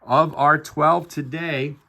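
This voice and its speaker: A middle-aged man with a bright, forward voice talks through his finds in a relaxed show-and-tell style. He sounds upbeat and enthusiastic, tossing in chatty asides as he goes. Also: fairly high pitch, slow, gravelly. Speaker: card collector vlogger. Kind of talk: casual show-and-tell narration.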